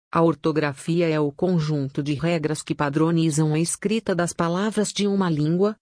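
A teacher's narration voice delivers a scripted lesson at a steady, measured pace, walking through definitions and lists of example words one by one. The pitch sits in a middle register. The sound is dry and close, with no room around it. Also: no echo.

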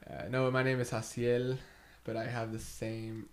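A man chatting casually on a podcast, telling jokes and stories in a deadpan way. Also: mid-range voice, a little slow. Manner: joking, deadpan teasing storyteller. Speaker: podcast co-host. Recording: roomy echo, faint noise.

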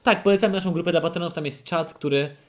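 A man's voice: a little high, quick pace. A young man hosting a podcast, reading a fan story aloud with playful, mock-dramatic quotes and frequent laughter. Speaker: podcast host.

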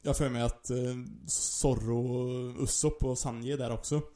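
A man's voice: medium pitch, steady tone, dark tone. A man in casual chat, retelling a story with many restarts and fillers. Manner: halting, repeats words, many fillers. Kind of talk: casual chat recapping an anime.

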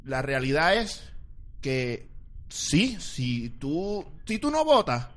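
A man's voice: on the high side, huge pitch swings, slow pace, fairly bright tone. A Puerto Rican man in a casual group debate who argues his point, cuts in and mixes in English words.

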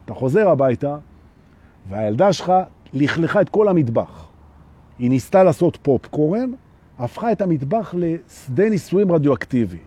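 A man giving a live-streamed spiritual talk on anger, animated, who repeats phrases for emphasis and keeps asking his listeners "right?". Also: on the high side, slightly rough. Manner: acts out little everyday scenes. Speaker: spiritual teacher.

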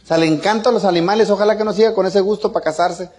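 A man's voice: high-pitched, fairly even intonation, fast talker, darkish tone. Joking middle-aged man. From Mexico. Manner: joking, colloquial, tags lines with "¿no?" and "¿ah?". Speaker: speaker. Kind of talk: seminar storytelling talk.

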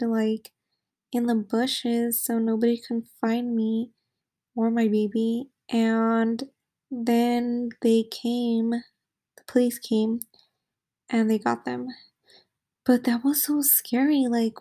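A woman's voice: fairly high pitch, creaky, mellow. A young woman hosting a podcast, telling a story casually and rambling, with constant "like" and filler words. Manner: rambling, heavy use of "like" and fillers. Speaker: podcast host.

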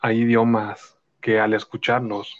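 A man, chatting in a hesitant, halting way as podcast co-host. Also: lowish voice, flat delivery. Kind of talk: casual chat. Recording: dull lo-fi sound.

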